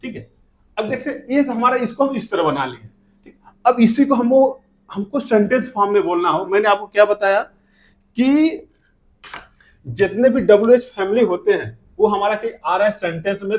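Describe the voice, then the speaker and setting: A man with an Indian English accent teaching an English lesson, saying each example slowly and glossing it in Hindi. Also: high-pitched. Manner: slow, repeating words with Hindi glosses. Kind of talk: classroom lesson.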